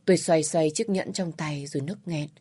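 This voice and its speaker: A woman reading a first-person story aloud in a slow, sorrowful way. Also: low voice, dark tone, slightly rough, no echo. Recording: dry close voice over faint music.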